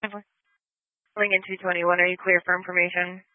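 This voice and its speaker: A woman police dispatcher calls out units and plate checks in brisk, clipped radio codes. Her voice comes through a thin, phone-like radio band. The sound is dry, with no room around it. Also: on the low side, level tone, dry recording. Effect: heard over a phone-like radio channel.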